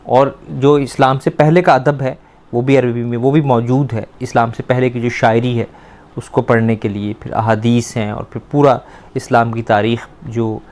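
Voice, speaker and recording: A man teaching Persian to children, repeating words slowly and questioning his pupils. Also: medium pitch, a little mellow. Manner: patient, repeats words slowly to drill pronunciation; asks the pupils questions and praises answers.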